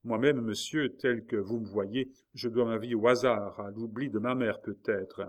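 A man's voice: fairly low pitch, fairly even intonation, moderate pace, close to an everyday voice. A man voicing a dignified, passionate young queen who speaks with urgency. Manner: breathless, passionate.

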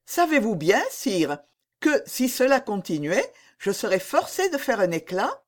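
Brief: woman narrator voicing a jealous, lovesick young king, lively pitch, slow pleading delivery, storybook reading. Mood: anguished. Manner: pleading, heated outbursts.

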